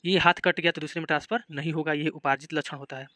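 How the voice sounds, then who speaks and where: Man, Bihari accent, biology teacher, high bright voice, dry close sound. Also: steady tone, fast talker, dry recording. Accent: Bihari Hindi. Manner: explains in simple terms with repeated questions to students. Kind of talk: classroom lecture.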